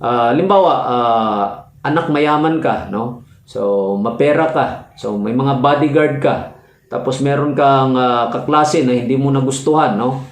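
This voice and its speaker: Hesitant man teaching, in an echoey room. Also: medium pitch. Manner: explains slowly with frequent "no?" checks and hesitations. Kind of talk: classroom-style legal lecture.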